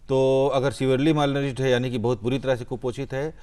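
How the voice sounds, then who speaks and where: A man's voice: medium pitch, steady tone, fairly quick, dark tone, clear, resonant tone. A man, a doctor, giving child nutrition advice on a studio health show, explaining patiently with frequent hesitations. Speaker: doctor guest.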